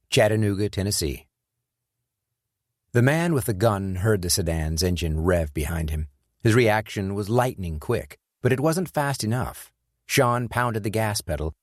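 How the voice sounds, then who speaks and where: A man narrating an action thriller audiobook in a steady, measured storytelling voice, close on a studio mic. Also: fairly low pitch, dry recording. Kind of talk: scripted narration.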